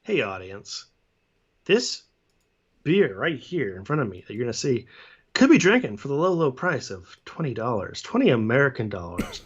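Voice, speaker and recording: Brief: animated male co-host, jokey banter, muffled lo-fi remote line. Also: mid-range voice, husky. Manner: joking, laughs often, repeats words. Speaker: podcast co-host. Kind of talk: casual livestream chat.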